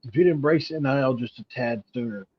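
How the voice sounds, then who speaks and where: A man's voice: mid-range voice, a little fast. A man co-hosting a sports livestream, talking in a laid-back, wry way. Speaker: sports podcast co-host. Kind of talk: casual livestream sports talk. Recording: dull husky lo-fi livestream audio.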